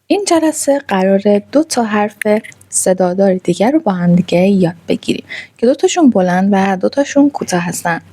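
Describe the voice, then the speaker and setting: A woman gives an online language lesson to beginners. Her voice is mellow and warm. She draws out each sound she demonstrates with patient care. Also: mid-range voice, lively intonation, slight background noise. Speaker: Thai language teacher.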